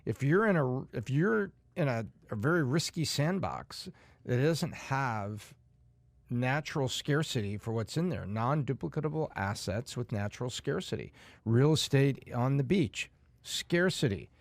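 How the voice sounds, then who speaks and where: Male panelist, mid pitch, dry close sound, talks through examples. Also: lively intonation, unhurried, creaky, no room sound. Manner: explains points with examples. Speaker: podcast panelist. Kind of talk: casual panel chat.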